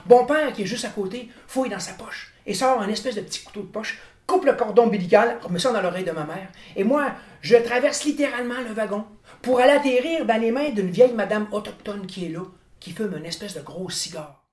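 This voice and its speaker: A man's voice: high-pitched, a little fast. Québécois storyteller in his sixties, roomy sound. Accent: Quebec French. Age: 60s. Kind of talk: theatrical oral tall-tale storytelling. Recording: roomy, echoing room.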